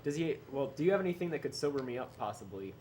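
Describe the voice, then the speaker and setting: Lively, giggly man playing a tabletop game. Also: mid-range voice, quick pace, a little hiss or hum. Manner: playful, giggly. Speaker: player. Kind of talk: casual tabletop chat.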